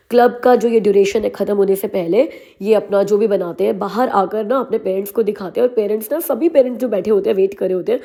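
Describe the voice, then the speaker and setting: Speaking in a gravelly, warm, mid-range voice, a vlogger in her thirties with a Hindi accent chats easily with her audience. She switches between Hindi and English and keeps making fun of herself.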